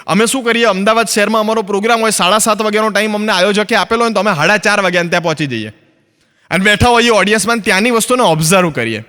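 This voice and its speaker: On a comedy stage being filmed, an Ahmedabad-born comic with a local Gujarati accent races through his set in a high, sharp-toned voice. A long reverb tail follows his words. He keeps it chatty, acting out every character in his anecdotes.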